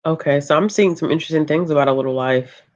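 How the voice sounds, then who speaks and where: A book channel host chats fast on a livestream, reading viewer comments in a low, calm, relaxed voice. There's a lot of laughing and plenty of ums, and the recording is muffled.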